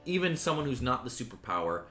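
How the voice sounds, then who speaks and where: A man's voice: medium pitch, big pitch swings, quick pace, pushed and bright. A man giving casual, rambling commentary on a game, swearing freely and restarting his sentences. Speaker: gaming commentator. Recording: roomy sound with faint music.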